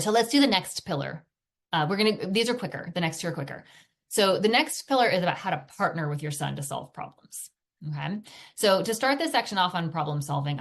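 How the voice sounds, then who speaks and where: Low-voiced woman coaching parents. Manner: conversational, often checks in with "okay?" and "right?"; acts out quoted phrases parents say to their sons. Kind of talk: teaching a video lesson.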